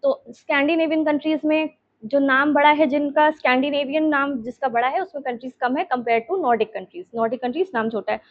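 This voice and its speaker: A woman's voice: high-pitched, fairly quick, highs cut off. A woman teacher explaining a map lesson, repeating names and checking in with her students.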